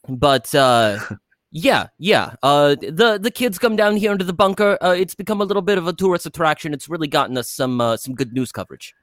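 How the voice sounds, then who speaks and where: A man's voice: mid-range voice, a bit bright, no room sound, studio quality. A man in his thirties, guest in an improvised comedy interview, who stammers and rambles in a flustered way. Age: 30s.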